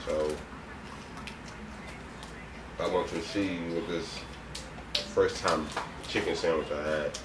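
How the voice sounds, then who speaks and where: A man's voice: extremely low pitch, fairly even intonation, slow, pauses often. A young man chatting casually as co-host of a mukbang eating vlog, recorded indoors by a camera a few feet away. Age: young adult. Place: indoor room, at a table. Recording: echoey room, distant mic, clear noise.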